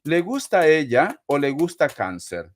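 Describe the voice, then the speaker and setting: A man's voice: a little high, sing-song, a little slow. A man hosting a live-stream tarot reading, answering viewers' donations in a theatrical, chatty way and calling them darling and sweetheart. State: sweating.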